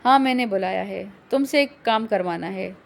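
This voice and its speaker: A woman's voice: medium pitch, gravelly, close to an everyday voice. A woman voicing a curt, domineering rich young man in an audiobook reading of a novel, speaking in a cold, dismissive, threatening way.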